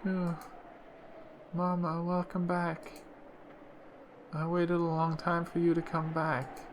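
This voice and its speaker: An eerily calm little girl with a soft, childlike lilt, slow and sweet, as a man puts her on while reading. Her voice sits higher than his usual reading voice, with a faint hiss underneath.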